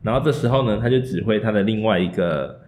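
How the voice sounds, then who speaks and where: A man's voice: fairly low pitch, quick pace, a little mellow. A man with a Taiwanese Mandarin accent telling a story in a casual podcast chat, playful and joking, acting out quoted lines. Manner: playful, acts out quotes with punny jokes.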